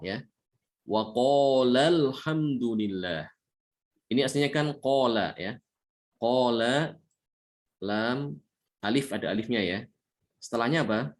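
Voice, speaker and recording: Man teaching Quran recitation. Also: lowish voice. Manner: explains patiently, repeats points with frequent "ya", chants Arabic examples slowly. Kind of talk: classroom tajwid lesson.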